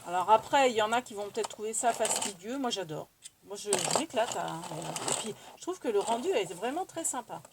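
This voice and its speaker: A woman's voice: mid-range voice, animated, a little fast, noisy background. French woman chatting through a craft demo. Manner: chatty, thinks aloud while working, many fillers. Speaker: craft tutorial host. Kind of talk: casual craft demonstration.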